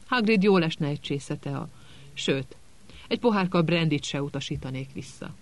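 A man reading an old headmaster wizard in an audiobook, calm and quietly amused, a little higher than his usual voice. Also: close to an everyday voice. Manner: calm, unhurried.

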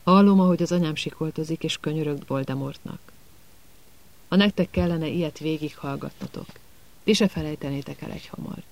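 A man's voice: on the high side, creaky, a little mellow. A man voicing a brooding, stubborn teenage boy in a storybook reading, terse and tense.

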